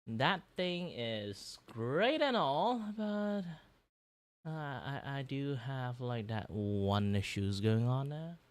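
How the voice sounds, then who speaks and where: Casual streamer host, mid pitch, rambling think-aloud chat with muttered asides. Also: lively intonation, takes it slowly. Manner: rambling, muttering to self while working. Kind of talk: casual livestream chat while working.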